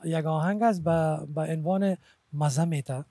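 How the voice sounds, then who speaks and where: A man's voice: a little high, dark tone, no echo. A man with an Afghan Dari accent, a singer and TV guest, talking in a hesitant way with many fillers. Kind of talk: casual TV chat. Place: TV studio.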